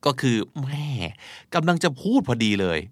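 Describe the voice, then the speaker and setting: A man teaching English vocabulary and idioms, acting out example lines in English with animated delivery. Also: mid-range voice, moderate pace, dry recording, studio quality. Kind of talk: vocabulary lesson.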